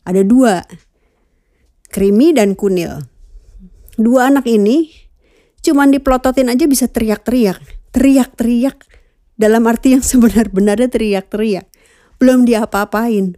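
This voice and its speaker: A woman's voice: mid-range voice, warm tone, no echo, clean studio sound. A middle-aged woman chatting casually about the cats she keeps, musing aloud and dropping in English words. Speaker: cat owner vlogger. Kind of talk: casual chat.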